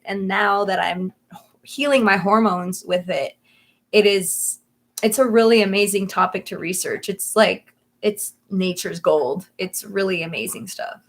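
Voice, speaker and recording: A woman in her thirties hosting a casual livestream chat, chatty and rambling, laughing often between thoughts. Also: medium pitch. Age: 30s. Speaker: livestream host.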